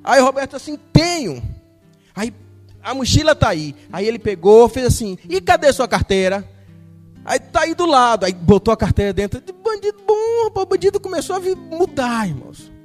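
Brief: Brazilian male pastor, very high voice, animated sermon storytelling, soft guitar underneath. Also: normal speed, big-room sound. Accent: Brazilian Portuguese. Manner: animated storytelling, acting out dialogue.

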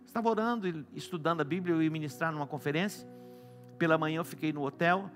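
Brazilian guy preaching, bright tense voice, kinda high for a man, goes loud then hushed. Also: fast talker, faint music behind. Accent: Brazilian Portuguese. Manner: swings between loud exclamations and soft hushed lines. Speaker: apostle preaching. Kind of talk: sermon.

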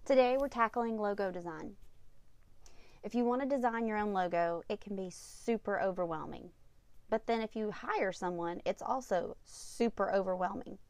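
An upbeat woman gives tidy, casual advice in the manner of a vlogger hosting her own podcast. Her voice sits at an average female pitch with plenty of vocal fry. The recording is close and dry. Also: moderate pace, a little mellow, no room sound. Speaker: podcast host.

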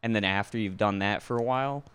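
A man's voice: on the low side, quick pace, a bit bright, clean tone, no echo. A man, a podcast guest, telling a rambling story in a laid-back, casual way, full of "like".

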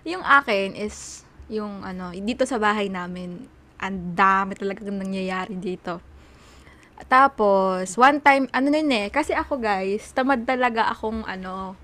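A woman's voice: medium pitch, measured pace, sharp tone. A young woman casually telling a story to friends, rambling with lots of fillers and swearing. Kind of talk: casual chat.

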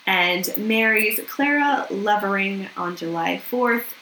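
A woman's voice: medium pitch, lively intonation, slow, bright, forceful tone, slight background noise. A young woman co-hosting a casual true-crime podcast, laughing often, swearing and filling her talk with "like" and "um". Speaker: podcast co-host. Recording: echoey room.

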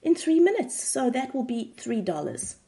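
A woman voicing a blunt, impatient male therapist in a retold comedy sketch, speaking curtly and deadpan. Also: high-pitched, moderate pace, gravelly, pitched above the performer's own voice, exaggerated voice.

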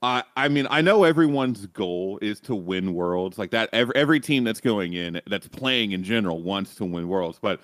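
A man's voice: fairly low pitch, expressive, normal speed, few pauses, fairly bright tone, no echo. A man on an esports panel, talking casually and thinking aloud with many hedges.

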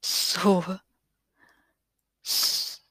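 A woman's voice: a bit bright, dry recording. A woman whispering nervously as she narrates a horror game, stammering and swearing under her breath.

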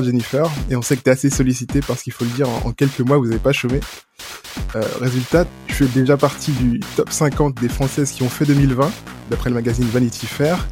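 Podcast host man, faint music behind. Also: medium pitch. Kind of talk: podcast interview.

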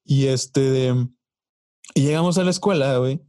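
A man's voice: medium pitch, unhurried, clear, resonant tone, no room sound, studio quality. A young man with a Mexican accent, hosting a casual podcast chat and telling childhood stories with lots of acted-out quotes and casual swearing. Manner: animated storyteller, acts out quotes, swears casually. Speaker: podcast host.

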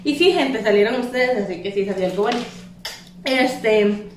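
A young Costa Rican woman with a high-pitched voice co-hosts a casual podcast. She tells stories in animated, gossipy slang. The sound is echoey and set back from the mic. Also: moderate pace, slight background noise. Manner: slangy, animated storytelling with giggles. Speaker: podcast co-host. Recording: roomy, echoey, distant from the mic.

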